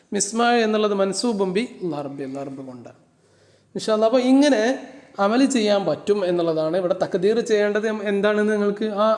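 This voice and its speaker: A man teaching Arabic grammar. He reads Arabic lines slowly and then explains them in quick, chatty asides. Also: high voice, darkish tone, roomy sound. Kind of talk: classroom-style lesson explaining Arabic verses.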